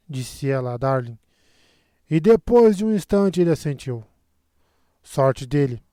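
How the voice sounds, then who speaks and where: A man with a Brazilian Portuguese accent reading an audiobook in a steady, measured way. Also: a little high, dry recording, studio quality. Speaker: audiobook narrator. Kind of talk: audiobook narration.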